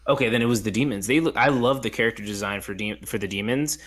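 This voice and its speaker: A man's voice: lowish voice, fast talker, crowd noise. A man co-hosting a casual film chat, talking in an informal, slangy way with some swearing. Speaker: podcast co-host.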